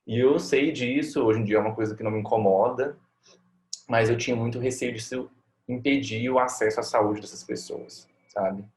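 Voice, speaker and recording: A man's voice: medium pitch, fairly even intonation, normal speed. A Brazilian man, a family doctor, answering interview questions in a reflective, conversational way, often ending thoughts with tag questions. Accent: Brazilian Portuguese.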